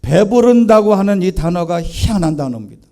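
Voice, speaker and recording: A middle-aged male pastor preaching with a high, smooth voice. His tone is mellow rather than bright, and he delivers the sermon earnestly, stopping to have the congregation repeat key phrases. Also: animated, fairly quick.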